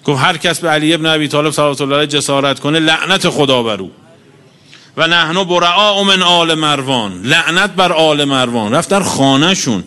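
A man's voice: on the high side, sharp tone, clear, resonant tone. A man preaching a religious sermon, reciting Arabic quotations and explaining each one in plain talk. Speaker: cleric.

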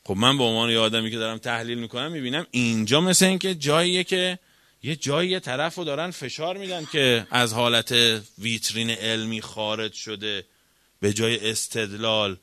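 A man lecturing on religion with a bright, forceful tone and a combative, questioning delivery. He swings from loud emphasis to hushed asides. The recording is dry and close. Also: medium pitch, no room sound. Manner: argumentative, rhetorical questions, swings between loud and quiet. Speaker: cleric lecturer.

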